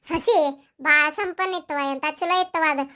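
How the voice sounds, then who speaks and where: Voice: very high-pitched, sharp tone. A performer voicing a gossiping married village woman with a North Karnataka Kannada accent in a cartoon comedy. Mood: gossipy. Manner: rapid, gossipy storyteller.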